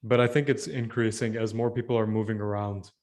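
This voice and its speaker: A man's voice: on the low side, flat delivery, a little fast, a little mellow. A man hosting a podcast, chatting with his guest and reminding viewers to subscribe. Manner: friendly, reads channel reminders. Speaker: podcast host. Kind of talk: casual interview chat.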